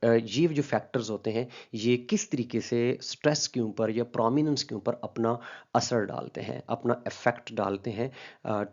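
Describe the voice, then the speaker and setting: A man's voice: medium pitch, darkish tone, highs cut off. A man giving an explanatory linguistics lecture. He mixes in English terms and often stops to check that the listener is following. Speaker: linguistics teacher.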